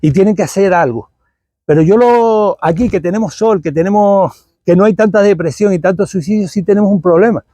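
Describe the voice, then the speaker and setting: Canarian guy in his 60s, rambling chatty talk, high mellow voice. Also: a little fast, no room sound. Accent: Canarian Spanish. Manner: rambling, conversational storytelling. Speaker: invited speaker at a tribute event. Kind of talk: public talk.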